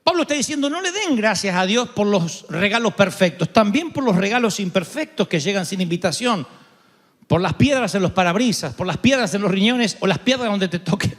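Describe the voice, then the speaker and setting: High-voiced Argentine pastor in a reverberant hall. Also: male voice, a little fast. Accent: Argentine Spanish. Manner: animated storytelling with sudden shouts and humor. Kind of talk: sermon. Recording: long reverb of a large hall.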